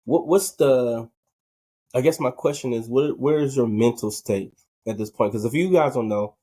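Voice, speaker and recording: A man's voice: mid-range voice, moderate pace, warm tone, husky. A male podcast host asking rambling questions in casual talk from a bedroom at home. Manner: rambling, asks questions with restarts.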